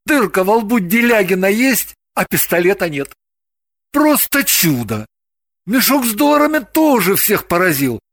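A woman's voice: medium pitch, big pitch swings, no echo, studio quality, voice pushed up. A woman doing a composed, declaiming man. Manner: slow, declaiming storyteller tone. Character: handsome composed man, measured and theatrical.

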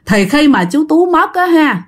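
A woman's voice: high voice, sing-song, measured pace. Lady telling a ghost story, chatty and dramatic, voice swings a lot. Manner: chatty, dramatic, with many fillers. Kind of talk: ghost story narration to listeners.

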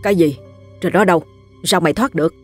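Narrator voicing an older fisherman, gruff, blunt, storybook. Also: mid-range voice, fast talker, soft background music, natural voice. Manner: blunt, brusque.

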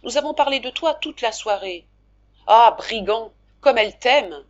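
A woman voicing a gentle, caring young man who scolds his brother softly and affectionately, in a storybook reading. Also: sits high, expressive, a little fast, highs cut off, pitched above the performer's own voice. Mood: coaxing.

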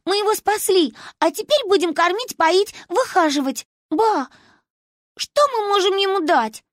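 A woman voicing an excitable, bold little girl who chatters shrilly and insistently. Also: very high voice, normal speed, no room sound, clean studio sound, pitched above the performer's own voice. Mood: excited, pleading.

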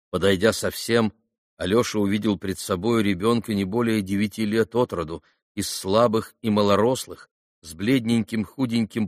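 Dude reading a novel aloud, steady and measured, dead dry mic. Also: male voice, on the low side, no room sound. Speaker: audiobook narrator. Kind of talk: literary audiobook narration.

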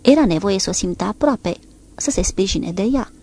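Brief: female audiobook narrator, gravelly, steady even delivery, mid-pitched. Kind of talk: scripted narration.

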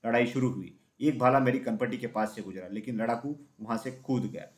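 Man, storybook narrator, steady even reading, mid pitch. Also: fairly quick.

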